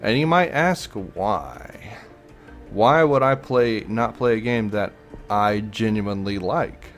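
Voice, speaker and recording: A man with a lowish voice rants slowly in a casual gaming vlog. He is blunt and swears freely, and his talk is loose with fillers and restarts. Faint music plays underneath. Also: lively intonation. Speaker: gaming video commentator.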